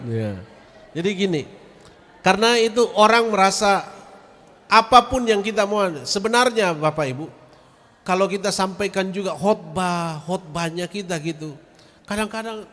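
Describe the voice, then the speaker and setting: A man's voice: high-pitched, fairly bright tone. A man, a pastor and grief counselor giving a chatty, direct training talk to church members. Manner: chatty, direct, addresses audience as Bapak Ibu. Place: church hall. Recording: long reverb of a hall.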